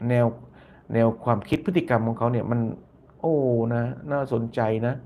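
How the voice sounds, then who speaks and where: A man hosting a casual live stream, talking at a mid-range pitch. He reads out viewer comments and mulls them over aloud. He circles back on his own phrases and softens his lines with polite particles. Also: moderate pace, a little hiss or hum. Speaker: YouTube channel host.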